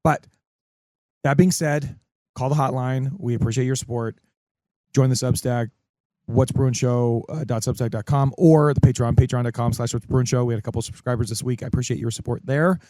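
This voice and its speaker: A man's voice: medium pitch, fairly even intonation, brisk, dark tone, no echo, studio quality. A man hosting a sports podcast in casual, rambling chat, full of likes and fillers. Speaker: podcast host.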